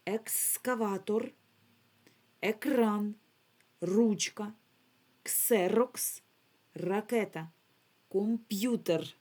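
Woman, primary teacher, remote phonics lesson; a low, mellow, husky voice, unhurried and carefully articulated. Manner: slow, carefully drawn-out words, modeling sounds for children.

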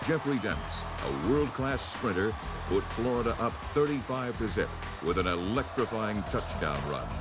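Lowish-voiced man narrating over loud music. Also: very animated, normal speed. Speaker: narrator of a season highlight film. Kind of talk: scripted sports documentary narration.

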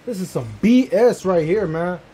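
High, lively cursing gamer guy. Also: moderate pace, breathy edge. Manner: profane, exasperated outbursts at teammates; short shouted reactions. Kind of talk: live gaming commentary.

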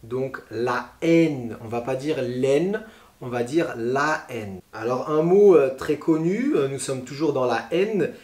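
A man with a French accent teaching a pronunciation lesson online, explaining slowly and patiently with frequent hesitations. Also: mid-range voice, animated, mellow, echoey room.

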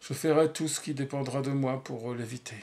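A man's voice: mid-range voice, steady tone, fairly quick, a little mellow, lightly acted. A jealous, wounded man, read by a male narrator in a novel, his lines clipped and bitter with a sneering edge. He speaks like a fighter trying to regain control. It stays close to the reader's everyday voice. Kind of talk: audiobook reading of a novel.

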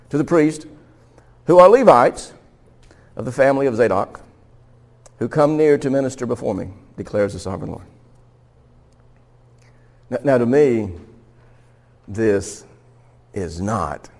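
A man's voice: on the low side, darkish tone. Conversational male pastor teaching. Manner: conversational, laughs often, restarts and stumbles. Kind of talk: sermon teaching.

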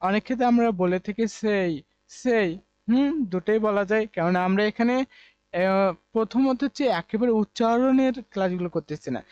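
A man's voice: high-pitched, a little fast, a little mellow, clear, resonant tone, lo-fi sound. A man from Bangladesh teaching an online English lesson, repeating word forms over and over and explaining with many fillers. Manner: repetitive drilling of pronunciations.

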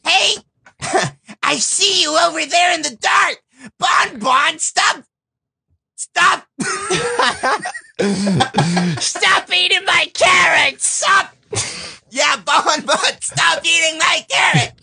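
A man voicing a manic male bear animatronic from a game, with a gravelly, shouting, theatrical voice. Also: very high-pitched, animated, drawn-out words, long pauses, full character voice. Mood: playful. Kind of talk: game character voice.

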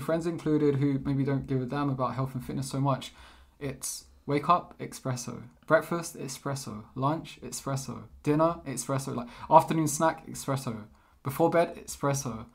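Brief: young host, animated and hesitant, lots of "like" and restarts, casual chat. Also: male voice, mid-range voice, normal speed. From London, England. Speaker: podcast host. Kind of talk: casual conversational podcast.

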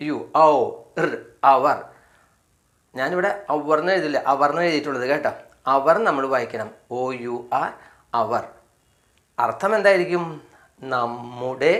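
A teacher explaining English words step by step in a spoken lesson, with a Malayali accent, slowly repeating each item and asking questions he answers himself. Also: medium pitch, a bit bright. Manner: slow, repetitive, asks questions and answers them himself. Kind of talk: spoken phonics lesson for beginners.

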